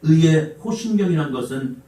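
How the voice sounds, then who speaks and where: A man preaching a sermon as pastor, swinging from loud exhortation to hushed asides. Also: on the high side, animated, normal speed. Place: church sanctuary. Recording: echoey church hall, mic at a distance.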